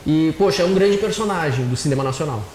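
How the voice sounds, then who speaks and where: A man, a panelist on a casual show, relays news in a relaxed way. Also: fairly high pitch, fast talker, reverberant, a little hiss or hum. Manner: relaxed newsy delivery.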